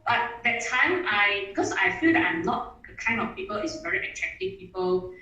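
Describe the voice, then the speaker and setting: Her voice a touch high and a bit bright, a Mandarin-native webinar speaker presents online while sounding as though she's across the room from the mic. Echo surrounds each phrase in the distant room recording, and she restarts sentences with eagerness.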